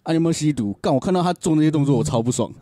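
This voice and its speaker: A man's voice: a little high, racing, no echo, studio quality. A man, casually telling a story on a podcast, acting out voices and swearing freely. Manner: animated, acts out quoted voices, swears freely. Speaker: podcast co-host.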